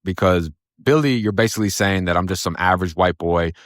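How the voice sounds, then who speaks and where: In a low voice and a slightly fast delivery, he casually relates his life story with blunt, cursing slang, often dropping "bro" and "man"; he's from Florida. The sound is clean and studio-like, with no echo.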